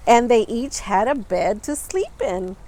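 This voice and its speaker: A woman reads a picture book aloud slowly and with animation, like a teacher at storytime, adding asides about the illustrations. Her voice sits on the high side, and she stresses and stretches words deliberately for young listeners. The recording is rough.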